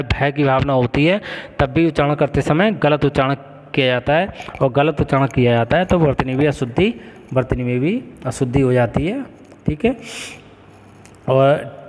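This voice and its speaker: A man teaching a college class, explaining step by step and often pausing to check the class is following. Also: on the high side, darkish tone. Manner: explains with frequent checks of "ठीक है". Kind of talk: classroom lecture. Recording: long hall reverb.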